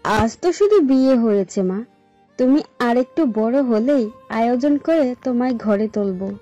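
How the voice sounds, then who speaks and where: Brief: actress as kind middle-aged mother-in-law, mellow tender voice, soft music behind. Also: fairly high pitch, lively intonation, slow, muffled recording. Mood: soothing. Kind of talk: audio story drama. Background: soft background music.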